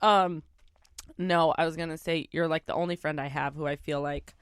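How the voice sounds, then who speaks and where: Smooth-voiced young woman, casual and profane. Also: low-pitched, fairly even intonation, moderate pace, dry recording, clean studio sound. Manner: profane, laughing, eating while talking. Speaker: podcast co-host. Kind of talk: casual chat over a meal.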